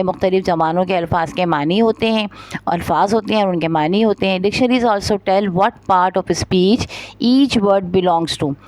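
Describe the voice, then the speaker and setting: A woman teacher, patiently reading English textbook lines slowly and then explaining them at length in Urdu, with frequent fillers. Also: mid-range voice, darkish tone, no room sound. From Pakistan.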